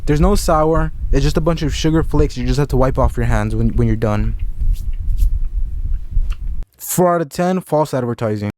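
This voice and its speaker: A young man giving a casual, deadpan review of candies, with sarcastic jokes and scores out of ten. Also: mid-range voice, normal speed, long pauses. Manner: deadpan, sarcastic, jokey asides. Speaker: candy reviewer. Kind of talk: casual comedic review vlog.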